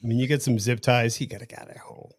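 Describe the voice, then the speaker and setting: A man hosting a casual livestream, telling a story in an animated, joking way. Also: medium pitch, no room sound, studio quality. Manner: animated storyteller, quick jokes and laughs. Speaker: livestream host.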